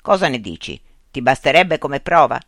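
A grand old Santa Claus, as a storyteller puts him on, coaxing a child with big promises in a storybook reading. He speaks at an ordinary pitch that swings up and down with feeling, in a dry close sound. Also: big pitch swings, normal speed, a bit bright, dry recording. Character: boastful mysterious Santa Claus, old man. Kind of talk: audiobook character reading.

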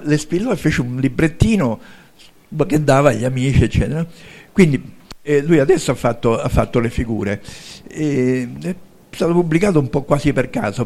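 An older man narrating fairy tales aloud to listeners, lively and conversational. His voice sits at an ordinary middle pitch. He keeps breaking in with little fillers as the story rolls on. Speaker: author and storyteller. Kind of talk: live storytelling to an audience.

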